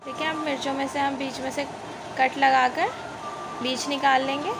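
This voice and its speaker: Filmed from above on her kitchen counter with a phone or camera, this Pakistani cooking-channel host talks viewers through each recipe step in a warm, chatty way, often saying "see". Her voice is high-pitched with little pitch movement at a normal speed, and the home recording is noisy.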